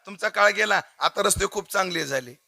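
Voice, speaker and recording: A man's voice: sits high, brisk, bright, forceful tone, no room sound, full character voice. A man putting on an eager, pleading teenage boy. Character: eager teenage boy begging his parents.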